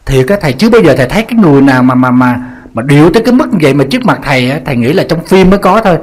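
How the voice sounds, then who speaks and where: Nhà sư giọng miền Nam kể chuyện dí dỏm. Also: male voice, on the high side, very fast. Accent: Southern Vietnamese. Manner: lively, teasing, anecdotal. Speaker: Buddhist monk. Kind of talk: humorous sermon storytelling.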